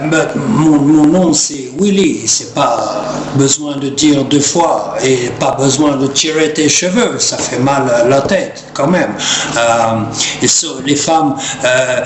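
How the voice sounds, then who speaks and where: American-accented man speaking halting, slow French. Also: medium pitch. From United States. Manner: hesitant French mixed with English, refers to himself in third person. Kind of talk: humorous rambling monologue to camera. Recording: roomy echo, clear background noise.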